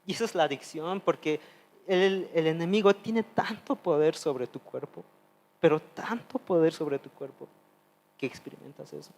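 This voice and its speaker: Preaching a confessional testimony, this man speaks earnestly at normal speed with vocal fry, swinging from loud pleas to quiet, low asides.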